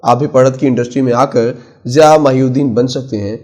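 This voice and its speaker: A man narrating a written opinion column in a measured, emphatic reading. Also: medium pitch, fairly even intonation, a little mellow. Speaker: column reader.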